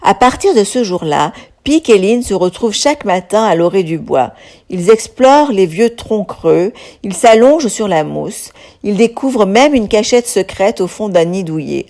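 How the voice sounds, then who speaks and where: A woman's voice: mid-range voice, moderate pace. Woman reading a children's story aloud. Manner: expressive, animated reading.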